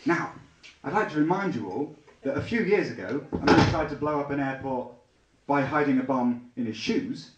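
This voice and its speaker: A man's voice: medium pitch, moderate pace, recorded from a distance, lo-fi sound, heavy background noise. A young man from England with a Leicester accent tinged with Liverpool, doing a stand-up comedy routine and bantering with the crowd. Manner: chatty, bantering with the crowd, bursts into excited yelps. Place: small theatre lounge with a live audience. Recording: echoey room, recorded from afar.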